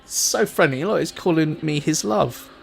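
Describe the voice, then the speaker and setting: Gravelly chatty race commentator. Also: male voice, fairly high pitch, lively intonation, a little slow. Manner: chatty, rambling, laughs easily. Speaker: sim racing commentator. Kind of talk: live esports race commentary.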